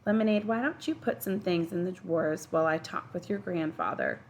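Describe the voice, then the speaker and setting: A woman reading the lines of a calm, reassuring social worker in a children's storybook. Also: fairly low pitch, brisk, slight background noise, close to an everyday voice. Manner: soothing, reassuring.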